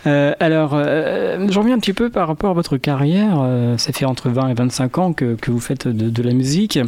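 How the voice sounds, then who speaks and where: A man hosting a radio show from the studio, introducing his guests in a halting way with many fillers. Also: fairly high pitch, darkish tone, no room sound. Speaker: radio host. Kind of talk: radio interview.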